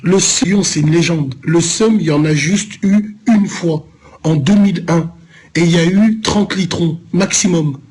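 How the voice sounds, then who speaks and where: Male streamer from Lyon, husky tone, slangy, rambling, teases his chat. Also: fairly high pitch, unhurried, a little mellow. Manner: loose, rambling street slang, teasing chat. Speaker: live streamer answering viewers. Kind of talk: casual live-stream chat.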